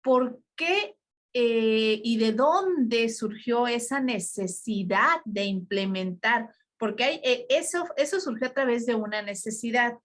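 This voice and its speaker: A woman's voice: on the high side, slow pace. A woman, hosting an interview and asking formal, somewhat hesitant questions. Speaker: interviewer, host.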